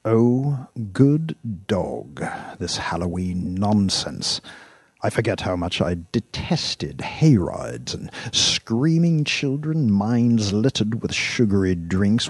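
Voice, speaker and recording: A man's voice: fairly low pitch, darkish tone, breathy edge, no room sound, pitched above the performer's own voice, exaggerated voice. A man voicing a cool, formal male executive who speaks in a clipped, haughty, sardonic way.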